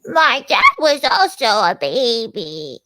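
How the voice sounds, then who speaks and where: Woman putting on a high, whiny man-child baby voice. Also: big pitch swings, slow pace, background noise. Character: whiny drooling rough-and-tumble baby boy, plaintive and clueless.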